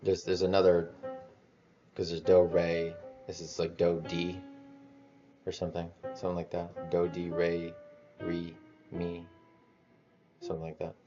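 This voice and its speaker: A man rambling in a casual monologue about music theory, halting and restarting as he thinks aloud. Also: sits low, completely flat delivery, dull audio. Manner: musing, halting, many restarts and swearing.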